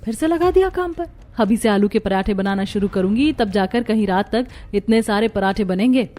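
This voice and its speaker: A woman's voice: mid-range voice, expressive, normal speed, warm tone, natural voice. A woman voicing an overworked young daughter-in-law in a cartoon, complaining and exasperated. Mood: weary. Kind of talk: Hindi cartoon voice acting.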